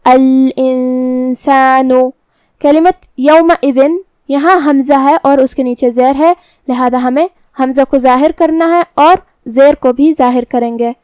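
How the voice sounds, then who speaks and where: A woman teaching Quran recitation, calmly explaining each letter step by step and reciting verses slowly. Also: high voice, no echo, clean studio sound. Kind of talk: tajweed lesson with slow recitation.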